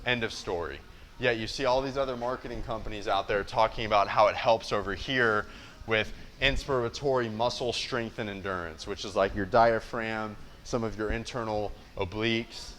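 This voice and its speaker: A young American man with a slightly low voice explains in a blunt, conversational way, like a coach at a whiteboard. He often checks in with the listener, and there is light noise in the gym space around him. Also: fairly even intonation, normal speed, fairly bright tone. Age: young adult. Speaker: fitness coach presenting.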